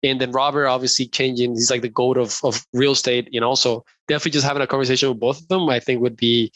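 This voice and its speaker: An upbeat young man from Colombia chats as a podcast guest, laughing easily between thoughts. His voice sits at an ordinary pitch and sounds dry and close, with no room around it. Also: level tone, quick pace, a bit bright, no echo. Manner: upbeat, chatty, laughs often. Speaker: guest, real estate investor. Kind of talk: casual interview chat.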